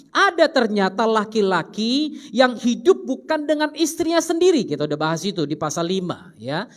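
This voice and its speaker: A man as a pastor teaching a Bible study sermon in a lively, humorous way, acting out quotes. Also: extremely high pitch.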